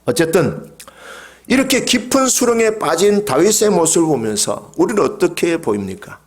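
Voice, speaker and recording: A middle-aged male pastor preaching a Sunday sermon. He moves from calm talk to loud, impassioned cries and leads the congregation in call-and-response. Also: high voice, moderate pace.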